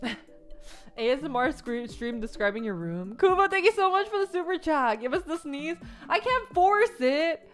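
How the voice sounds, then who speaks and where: Her voice sits high and swings widely in pitch, at a moderate pace with faint music in the background. She's streaming from her gaming room at home, casually chatting as she builds a model kit, rambling and giggling through lots of ums while listing her belongings. A missed sneeze has left her stuffed up.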